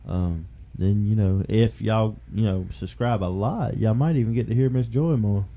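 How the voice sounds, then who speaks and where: A man hosting a podcast in casual chat, with a relaxed Southern drawl, rambling and quick to laugh. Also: lo-fi sound. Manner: laid-back, laughs easily, rambling pitches for support. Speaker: podcast host.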